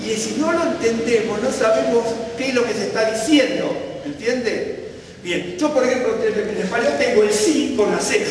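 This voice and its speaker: A man gives a conversational Bible teaching, often checking that his listeners follow. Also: high-pitched. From Argentina. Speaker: teacher at a congregation. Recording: echoey hall, mic far off, faint room noise.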